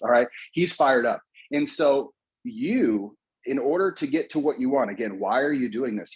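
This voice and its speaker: An American man delivering a rallying motivational talk, his voice husky and a little breathy. He pushes his listeners with energetic, repetitive coaching, circling back to the same points again and again. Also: medium pitch, poor audio. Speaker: motivational speaker.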